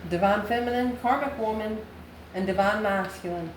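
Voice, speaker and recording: Musing aloud in short, repeated phrases and questions, a tarot reader and channel host from the United States gives the viewer an intuitive reading. Her voice is medium-pitched, at a moderate pace, in an echoey room with clear background noise.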